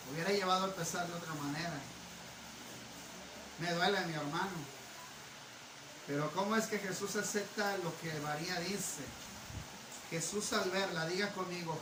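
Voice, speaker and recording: Male preacher, builds to shouted repetition; roomy, echoey church sound. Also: sits high. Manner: builds from calm teaching to shouted fervor, repeating phrases. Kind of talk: Pentecostal-style sermon. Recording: echoey hall, preacher far from the mic, noisy.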